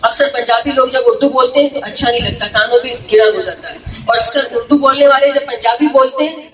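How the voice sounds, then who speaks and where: High-voiced woman teaching in an echoey hall. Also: fairly bright tone. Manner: explanatory, often checks understanding with listeners. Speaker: female religious speaker (zakira). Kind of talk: teaching at a religious gathering. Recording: echoey hall, distant mic, faint noise.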